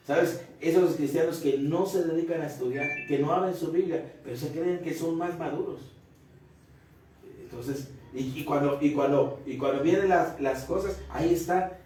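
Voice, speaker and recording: A man's voice: fairly high pitch, dark tone, recorded from a distance, slight background noise. A man preaching a family Bible study sermon, earnestly repeating phrases and putting questions to his listeners. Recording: very echoey room, voice from off the mic.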